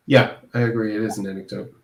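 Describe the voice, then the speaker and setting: Guy thinking out loud on a call, kinda echoey room, talks in quick bursts. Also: fairly low pitch, level tone, creaky. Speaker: hangout participant. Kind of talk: casual group chat. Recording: roomy echo.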